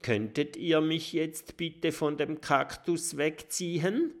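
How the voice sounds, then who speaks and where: A man doing a squeaky, timid little boy dragon. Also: steady tone, slow. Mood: sheepish. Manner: timid, pleading. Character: small, clumsy boy dragon, a big eater. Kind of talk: children's audiobook.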